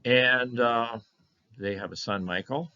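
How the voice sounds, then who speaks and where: An older man presenting a slide lecture on his family history, halting often with fillers and restarts. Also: mid-range voice, pushed and bright, smooth. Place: meeting room of a historical society. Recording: dull lo-fi lecture recording.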